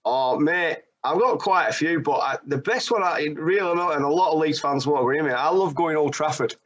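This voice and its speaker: A man from Rochdale tells stories in a loose, chatty way, dropping northern slang as he goes. His voice sits a touch higher than the average man's. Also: brisk, fairly bright tone, lo-fi sound. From England, Rochdale. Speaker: caller, football fan. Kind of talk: casual chat.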